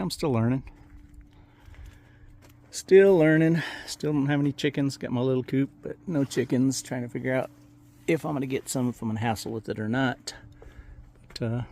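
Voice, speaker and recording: A man's voice: medium pitch, vocal fry, a little mellow, a little hiss or hum. An older man giving a casual, meandering walkthrough of his backyard garden outdoors, speaking in an easygoing, plain-spoken way. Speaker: home gardener.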